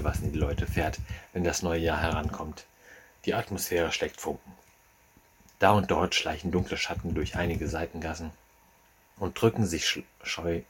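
A man narrates a humorous short story in a very low voice, dry and deliberate in his delivery. A faint hiss runs under the reading.

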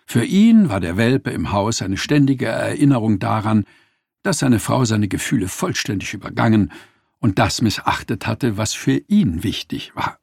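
A man tells a story in scripted narration, expressive with a wry edge. His voice is gravelly and husky, and his pitch moves animatedly through each sentence. The recording is dry, with no room sound. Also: moderate pace, no room sound.

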